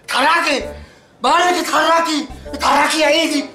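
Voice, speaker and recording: A man's voice: very high voice, steady tone, quick pace, sharp tone, full character voice. A panicking, stoned young man. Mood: panicked. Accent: Egyptian Arabic. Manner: whiny, gasping, panicky. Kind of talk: sitcom acting.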